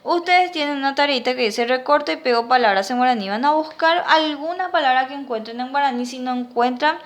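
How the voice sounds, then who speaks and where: Teacher, woman, Paraguayan Spanish accent, high voice, patient and slow, breaks words into syllables. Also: fairly bright tone. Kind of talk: classroom lesson, slow dictation.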